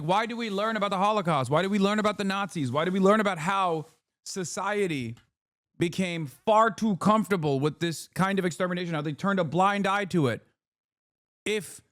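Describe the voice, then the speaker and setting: A man's voice: high-pitched, fairly bright tone, no room sound, clean studio sound. A man in his thirties streaming, reacting to an interview with heated, profane, incredulous commentary. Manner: fast, profane, incredulous rants.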